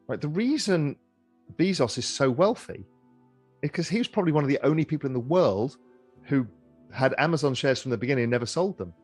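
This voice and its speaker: A middle-aged man answering as an interview guest in a relaxed conversational way, with frequent repeats and restarts. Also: on the high side, a little fast, husky, faint music behind.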